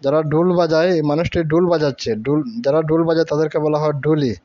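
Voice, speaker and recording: A man teaching a lesson to young children in Bengali with an Assamese accent, repeating each word slowly to drill pronunciation. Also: a little high, fairly even intonation, dark tone, no echo, muffled recording. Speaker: primary school teacher. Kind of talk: slow spoken lesson for children.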